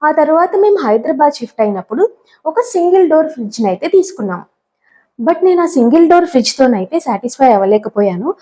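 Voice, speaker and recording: A woman's voice: fairly high pitch, mellow. A woman in her thirties, a home vlogger, giving a chatty introduction that mixes in English terms. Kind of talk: friendly channel intro.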